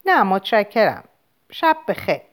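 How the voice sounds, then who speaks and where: A woman voicing a lively, playful young girl in an audiobook, with a higher, coaxing childish tone. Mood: evasive. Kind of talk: audiobook character voice.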